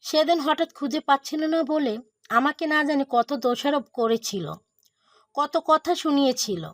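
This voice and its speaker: A woman's voice: high voice, normal speed, dry recording, close to an everyday voice. A woman playing a chatty young woman in a Bengali audio drama. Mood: eager.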